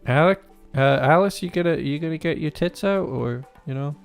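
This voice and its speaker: A man's voice: fairly high pitch, normal speed, vocal fry, smooth. A man giving casual, crude, joking commentary while playing a farming game, rambling and often restarting his sentences. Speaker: gaming video host. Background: faint game music.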